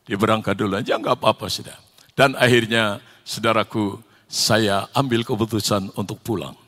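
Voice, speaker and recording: An older man, a pastor, telling a testimony in a sermon, emotional and dramatic, rising to loud exclamations and dropping to hushed tones. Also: lowish voice, steady tone, normal speed. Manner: emotional storytelling, swinging between loud exclamations and soft hushed passages. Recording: long reverb in a large hall.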